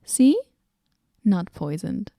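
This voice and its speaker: This is a moody goddess voiced by a woman in a whispered role-play. She speaks slowly in a dark, mellow tone, deadpan and sarcastic, slipping into soft whispers. The sound is close and dry, with no room around it. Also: lowish voice, vocal fry, dry recording, full character voice. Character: moody, aloof female goddess, sardonic.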